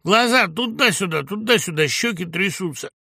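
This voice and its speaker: A man's voice: high-pitched, animated, moderate pace, gravelly, bright, forceful tone, slightly rough, no echo, studio quality, voice pushed up, exaggerated voice. A man reading aloud, voicing a blunt, hotheaded male car mechanic. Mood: heated. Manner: blunt, heated.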